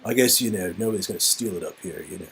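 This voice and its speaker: This man's voice sits low with vocal fry, and he talks rapid-fire over slight background noise. Performing an interactive game's dialogue, he mixes dramatic reading with animated, improvised banter, rambling whenever he jokes.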